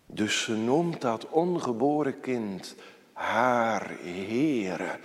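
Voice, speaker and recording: A man preaching a sermon to his congregation, slow and emphatic, quoting scripture in a solemn tone. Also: mid-range voice. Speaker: pastor. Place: church. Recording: church hall reverb.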